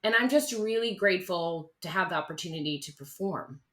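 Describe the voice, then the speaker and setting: A woman in her thirties, a country singer-songwriter, speaking earnestly and haltingly as an interview guest, with many restarts. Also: on the low side, lively intonation, a bit bright. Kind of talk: candid interview conversation.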